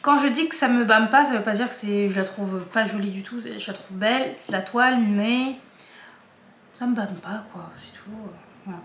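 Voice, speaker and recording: A woman's voice: medium pitch, moderate pace, fairly bright tone, roomy sound, a little hiss or hum. A woman vlogger chatting casually and hesitantly, with many fillers and restarts. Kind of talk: casual chat.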